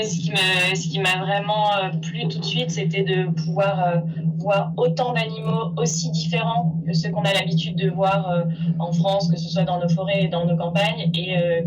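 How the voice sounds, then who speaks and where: A woman from an expedition crew, talking casually with enthusiasm. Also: medium pitch. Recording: distant, dull call audio, loud noise.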